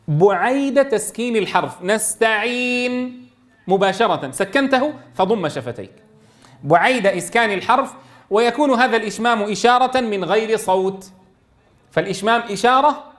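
A man leads a classroom lesson on Quran recitation. His voice sits high for a man. He keeps questioning his students and demonstrates each word in slow, stretched recitation. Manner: quizzes students and models slow drawn-out recitation.

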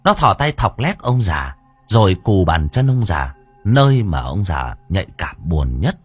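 A man narrating an audiobook story in a lively, expressive reading. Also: deep voice, measured pace, breathy edge, dry recording, faint music behind.

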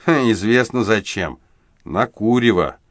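A man voicing a cheeky, sly homeless boy with a thin, husky voice, in an audiobook. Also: lowish voice, lively intonation, unhurried, dry recording, clean studio sound, pitched above the performer's own voice. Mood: brash. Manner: whines and pleads when caught.

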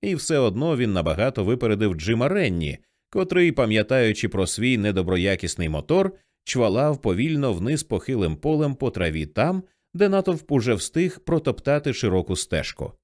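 A man's voice: normal speed, few pauses. A man reading a novel aloud as an audiobook narrator, shifting his voice for the characters' lines. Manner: lively, shifts pitch for quoted characters.

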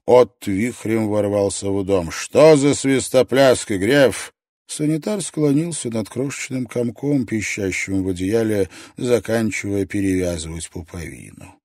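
A man narrating a novel in a tense, expressive way. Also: lowish voice, moderate pace, hardly any pauses, dry recording, clean studio sound. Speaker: audiobook narrator.

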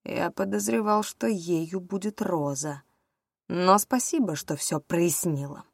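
A woman voicing a cold, menacing male villain who speaks low and slow in an audiobook. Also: creaky, no echo, exaggerated voice. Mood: cold menace.

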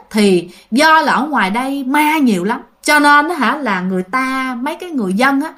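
A woman storyteller with a Southern Vietnamese accent, chatting directly to her listeners. Her voice sits high and moves animatedly up and down. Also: a bit bright. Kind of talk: casual ghost story narration.

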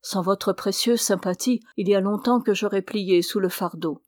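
A woman reading an audiobook takes on the role of a controlling elderly mother, sounding coolly persuasive, calm, and measured at a mid-range pitch. The sound is close and dry with no echo, near her everyday voice.

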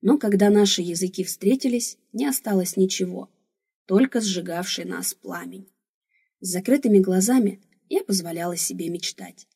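A woman narrating a first-person audiobook at a calm, even pace. Her voice is very husky and breathy, with a dark, mellow tone. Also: mid-range voice, normal speed.

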